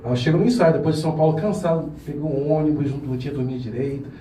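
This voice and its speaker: A man tells a story to a small gathered audience, laughing as he goes and slipping into the voices of the people he quotes. His voice is mellow and sits on the higher side for a man. He is picked up from across an echoey room, with a faint hiss underneath. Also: very fast. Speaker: pianist. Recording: echoey room, mic at a distance.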